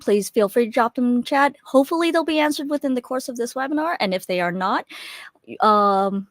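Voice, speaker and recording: Waiting for viewers to join her live webinar, a young female host chats casually and warmly on a USB desk microphone, leaning heavily on fillers and restarting often. Her voice is on the high side, and the audio is clean studio sound with no room sound.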